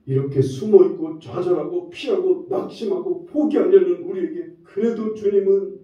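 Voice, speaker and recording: A man preaches a Sunday sermon with a high voice, pushing hard on some phrases and dropping back on others. The sound is dull and lo-fi, caught from far back in a very echoey church. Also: lively intonation, moderate pace. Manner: preaching with frequent shifts in force, rising to near-shouts. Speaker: pastor. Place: church sanctuary. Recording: roomy echo from a distance, dull lo-fi sound.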